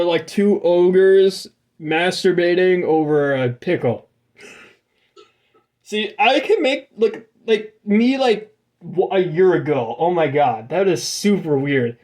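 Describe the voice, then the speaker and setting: Slow-talking young man running a game. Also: high-pitched, expressive, a little mellow. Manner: rambling, crude jokes, many fillers. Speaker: game master. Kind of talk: casual tabletop game narration.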